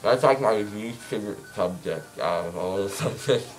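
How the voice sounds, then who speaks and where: Teenage male, lowish pitch, after wisdom teeth, groggy, gauze-muffled, rambling casual chat, phone recording, music in background. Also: expressive, normal speed. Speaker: patient just out of wisdom teeth surgery. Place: small dental clinic room. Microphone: phone held close by someone else.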